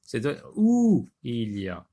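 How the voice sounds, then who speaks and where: A male teacher walks through grammar exercises at an unhurried pace, stopping often to search for words. His pitch moves widely, lifting noticeably whenever he reads an example sentence aloud. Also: huge pitch swings, mellow. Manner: slow, patient, with many fillers and restarts, raises pitch reading example sentences. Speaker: primary school teacher. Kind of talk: grammar lesson explaining exercises.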